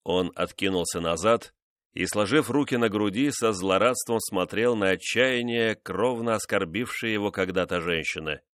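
A man narrating a historical novel in a steady, dramatic reading. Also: lowish voice, normal speed, clean tone, no room sound, studio quality. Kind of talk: scripted audiobook narration.

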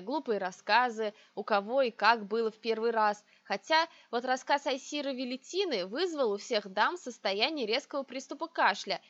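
A woman narrating a first-person fantasy audiobook with a wry, measured delivery. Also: fairly high pitch, fairly bright tone. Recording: dry, slightly dull audio.

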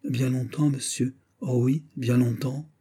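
Brief: anxious noble marquise, voiced by a man, earnest and soft, dark and husky. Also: medium pitch, fairly even intonation, measured pace, voice pushed up.

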